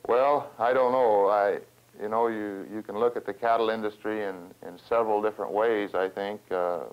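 An American cattle rancher representing a farm organization sits at a table in a small wood-panelled room, speaking as in a formal interview. His very low, steady, clear and resonant voice barely rises or falls as he works haltingly through long, roundabout sentences. The audio is slightly dull, like an old film soundtrack.

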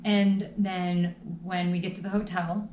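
Her pitch sits on the low side and barely moves, and her darkish, unhurried tone has its highs cut off. She's a young travel vlogger casually chatting from a small, echoey room at home with faint noise, filling gaps with "like."

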